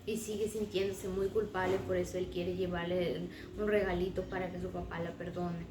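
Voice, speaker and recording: A woman teacher retells a story for young children, slowly and simply, often restarting a phrase. Her voice sounds roomy and sits back from the mic, with faint background sound. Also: fairly low pitch, little pitch movement, noisy background. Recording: roomy and distant.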